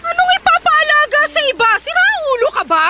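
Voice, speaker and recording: An actress playing a tired working mother in a radio drama, scolding and sarcastic as she shouts at her partner. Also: very high voice, animated, fairly quick, heavy background noise. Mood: angry scolding. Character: sharp-tongued working mother, exhausted and scolding. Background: music bed.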